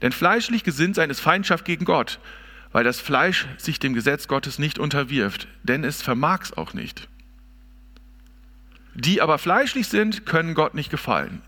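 A man preaching a sermon in an emphatic, expressive way, speaking directly to his listeners in a church. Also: fairly high pitch. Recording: long reverb of a large hall.

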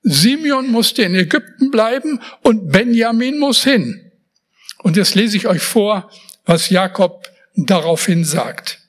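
A man's voice: high-pitched, expressive, slow. A man preaching a sermon, emphatic and speaking straight to his listeners with casual asides.

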